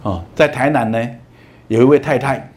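A man's voice: mid-range voice, darkish tone. A middle-aged man giving a university lecture, telling stories and stretching out "ah" and "oh" fillers. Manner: storytelling, many drawn-out "ah" and "oh" fillers.

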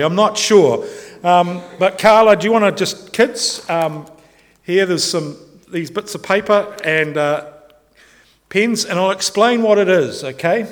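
A man preaches in a loose, conversational way, joking and breaking off mid-sentence. His voice sits fairly high for a man. Long reverb from a church hall trails behind every line. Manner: chatty, joking, self-interrupting. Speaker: pastor. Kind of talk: informal sermon.

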